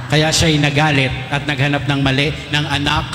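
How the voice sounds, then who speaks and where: Teasing Filipino priest in an echoey church. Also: male voice, on the high side, flat delivery, heavy background noise. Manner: teasing, quizzes the crowd with rapid questions. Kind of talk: lively homily to a congregation. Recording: echoey church with long reverb, faint music.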